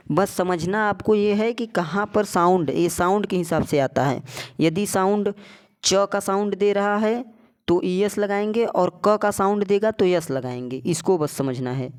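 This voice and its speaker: A man gives an explanatory lesson as a tutor. He speaks slowly and deliberately in a clear, resonant voice. He keeps repeating words and putting either-or questions to his students. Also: high-pitched, a little mellow. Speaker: English tutor.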